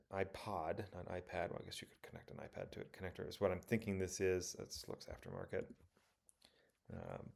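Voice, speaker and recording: Casting: male reviewer, deep gravelly voice, loose self-correcting commentary. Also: a little mellow. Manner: rambling, self-correcting, many ums. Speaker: car auction reviewer. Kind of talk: casual commentary over photos.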